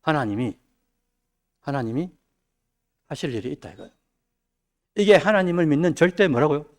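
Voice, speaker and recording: A man preaching a midweek sermon, dropping his voice low and then rising loud. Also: lively intonation, fast talker. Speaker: pastor. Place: church sanctuary.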